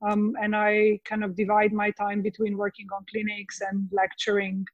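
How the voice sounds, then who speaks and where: A Slovenian woman with a Slovenian accent, a veterinary oncologist guest speaking from her living room in a measured way, with frequent ums. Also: medium pitch, monotone, dry recording, dull audio. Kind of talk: casual podcast chat.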